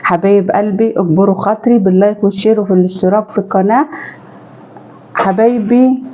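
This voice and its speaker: A woman's voice: medium pitch, fairly even intonation, quick pace, mellow, dull audio, slight background noise. A woman with an Egyptian accent, a mother talking to her viewers in a chatty, affectionate way while she cooks in her home kitchen. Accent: Egyptian Arabic. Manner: chatty, affectionate, keeps addressing viewers fondly. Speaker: home cooking vlogger and mother. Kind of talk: chatty cooking vlog talk to viewers.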